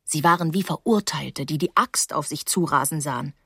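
A woman narrating a first-person novel as an audiobook, calm and wry. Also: low-pitched, moderate pace, gravelly, slightly rough, no room sound, studio quality.

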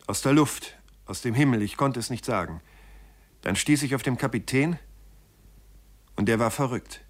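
A man reads an old sea tale aloud in a steady, mid-pitched voice. His telling is measured and dramatic, and he often turns to the listeners with asides as he spins the story. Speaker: narrator. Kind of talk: audiobook reading of a first-person sea tale.

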